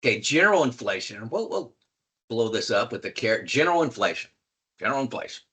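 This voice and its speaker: An older man with a bright voice and a mid-range pitch talks through a screen-share tutorial. He is folksy and emphatic, and he drives key points home by repeating them. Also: sing-song, quick pace, slightly rough. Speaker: retirement planning video host.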